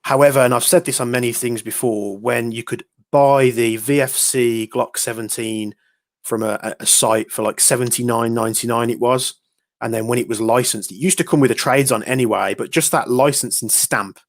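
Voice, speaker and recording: Gravelly man hosting a chat. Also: medium pitch, steady tone, normal speed, dry recording, studio quality. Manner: rambling, filler-heavy storytelling. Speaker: talk show host. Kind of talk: casual podcast chat.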